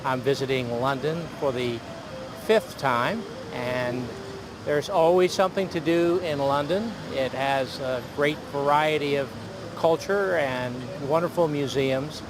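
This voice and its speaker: A man from South Carolina, a visiting tourist, speaking slowly and haltingly in a short street interview. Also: mid-range voice, noisy background. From United States, South Carolina. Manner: slow, halting.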